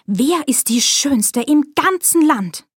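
A woman's voice: sits high, lively intonation, slow, no echo, clean studio sound, voice pushed up. A woman voicing an envious, vengeful queen with an intense, cold delivery in a fairy tale reading. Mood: vain. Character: vain wicked queen, envious and furious.

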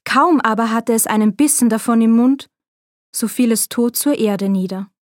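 A woman telling a fairy tale aloud in a measured, expressive storyteller manner. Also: fairly high pitch, no echo, studio quality.

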